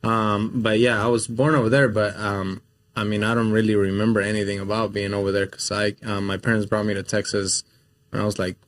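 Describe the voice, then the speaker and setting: A Mexican-born business owner appears as a guest on a talk show, rambling casually with many fillers. His voice is fairly low and flat, and he talks fairly quickly.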